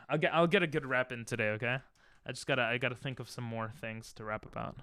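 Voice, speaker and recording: A man whose first language is Hebrew chats casually while streaming a game, reading chat aloud and bursting into silly freestyle rhymes. He talks quickly in a medium-pitched, creaky voice with a sharp tone.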